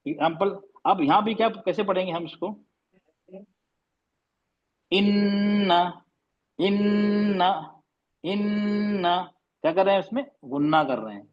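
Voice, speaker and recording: A man teaching an online class on recitation, patiently stretching and repeating example sounds. His voice sits a little high and sounds husky. The recording is dull and lo-fi. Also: expressive. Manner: explains patiently, demonstrates sounds slowly and repeats them. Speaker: tajweed teacher.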